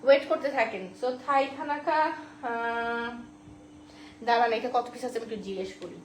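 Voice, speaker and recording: A high-pitched woman runs a live-stream sales pitch, chatty and repeating every price and offer. Her voice rings around a roomy, echoey space. Faint noise hums behind her. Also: moderate pace. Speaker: online shop seller.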